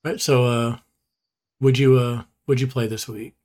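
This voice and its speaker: A man's voice: mid-range voice, level tone, measured pace, a little mellow. A man co-hosting a podcast, chatting casually in a rambling, easygoing way. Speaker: podcast co-host. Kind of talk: casual chat.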